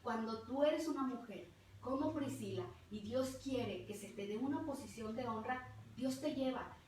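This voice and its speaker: A middle-aged Mexican woman preaches with fervor, repeating words to drive her point home. Her fairly high voice rings through a very echoey hall, picked up from a distance with a faint ambient hum behind. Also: normal speed, darkish tone. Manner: fervent, repeats words for emphasis. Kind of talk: testimonial sermon.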